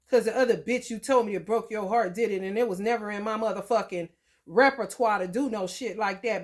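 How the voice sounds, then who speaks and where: A woman ranting to her viewers in a blunt, profane, animated storytelling way. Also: sits high. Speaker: vlogger. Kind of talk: profane rant to camera.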